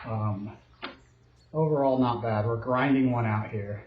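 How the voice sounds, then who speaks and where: A man, middle-aged, giving casual, low-key and self-critical golf commentary on his own play in an indoor simulator room. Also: steady tone, measured pace. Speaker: golfer narrating his own simulator round. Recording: roomy echo, slight noise, dull sound.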